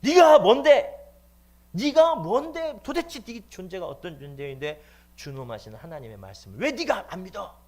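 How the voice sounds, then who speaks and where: A man acting out a stern older preacher who thunders a rebuke, shouting and scolding. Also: sits high, big pitch swings, moderate pace, voice pushed up. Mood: thundering rebuke.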